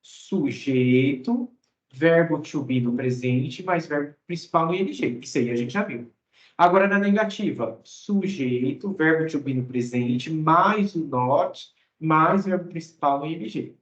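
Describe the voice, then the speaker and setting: A man's voice: a little high, measured pace. Brazilian man teaching English grammar. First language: Portuguese. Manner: explanatory, checks in with "né?" and "tá?". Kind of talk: explaining grammar lesson. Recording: roomy, dull lo-fi sound.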